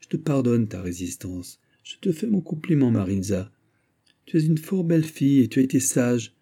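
A man's voice: mid-range voice, normal speed, dark tone, voice pushed up, natural voice. A man doing a smug lecherous prince. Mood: smug, coaxing. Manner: smug, coaxing, teasing. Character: lecherous noble prince, mocking and pushy.

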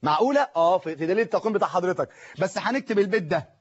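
A man with an Egyptian Arabic accent, teaching a televised classroom lesson. He explains slowly, recites verses word by word and quizzes the class. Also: high voice, animated, lo-fi sound.

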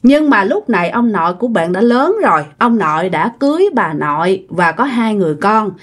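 Expressive and a little fast, this medium-pitched woman recounts a ghost story in a Southern Vietnamese accent. Her manner is chatty, full of tag particles, and she addresses her audience directly.

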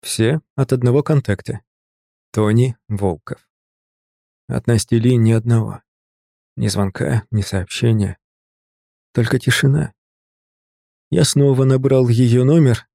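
A man narrating an audiobook in a calm, measured first-person storytelling voice. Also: medium pitch, creaky, no room sound, clean studio sound.

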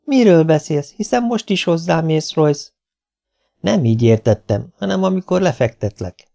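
A man's voice: expressive, creaky, mellow. A male audiobook reader voicing a frightened, stubborn young noblewoman in a raised voice. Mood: protesting. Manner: raised, pleading pitch. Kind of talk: audiobook character voice.

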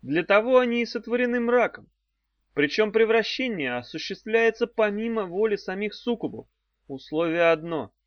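A man narrating an audiobook in a lively, animated storytelling manner. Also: sits high, normal speed, dry recording. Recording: dull, dry lo-fi audiobook recording.

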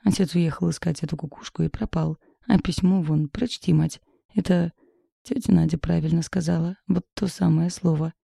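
A woman's voice: on the low side, fairly even intonation, moderate pace, vocal fry, dark tone, slightly rough, dry recording, clean studio sound, heavily acted. A woman reading the part of a frightened, whiny young woman in an audiobook. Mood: anxious. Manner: whiny, anxious.

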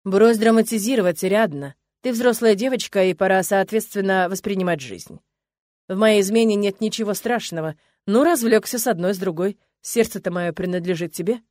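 A woman reading an audiobook, voicing a domineering noble husband with calm menace that turns to hissing rage. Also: medium pitch, a little fast, no echo, studio quality, lightly acted. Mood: dismissive. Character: cold, domineering noble husband, adult man.

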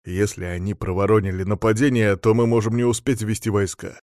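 A man reading an audiobook voices a gruff, displeased field marshal who barks brusque orders. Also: on the low side, flat delivery, brisk, a little mellow, no room sound, studio quality, lightly acted. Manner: brusque, bossy, irritated.

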